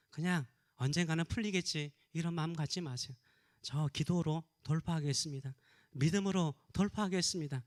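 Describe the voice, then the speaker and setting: A man's voice: sits high, fairly bright tone. A middle-aged male pastor preaching a fervent sermon, repeating his exhortations and calls to believe.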